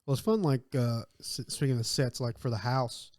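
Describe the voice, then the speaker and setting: A man's voice: medium pitch, normal speed, darkish tone, no room sound, studio quality. A man co-hosting a casual movie-review podcast, easygoing and full of fillers like "uh" and "you know.". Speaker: podcast co-host.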